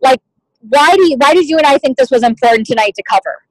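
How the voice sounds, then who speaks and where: A woman with a high, bright-pitched voice runs a motivational team meeting, chatty and casual, peppering her talk with "like" and "you guys". The sound is close and dry, as if from a computer mic on a video call. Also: quick pace, dry recording, rough recording. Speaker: team leader at a sales meeting.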